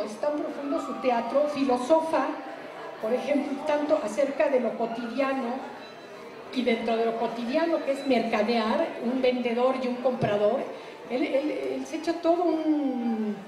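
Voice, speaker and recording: A woman gives a reflective public talk about her translation work, pausing often with fillers and restarts. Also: high-pitched, echoey room, background noise. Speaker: literary translator.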